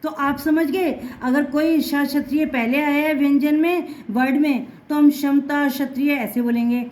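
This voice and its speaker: A woman's voice: high-pitched, steady tone, measured pace, a little mellow. A woman teaching Hindi letters to children, patiently repeating each sound and mixing in words.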